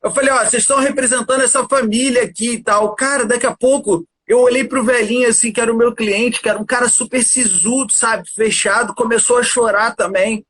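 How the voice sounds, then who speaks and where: As a guest on a livestream, a man tells a story in a very high, breathy voice, speaking a little fast with few pauses. He's animated and casual, constantly calling the listener "cara."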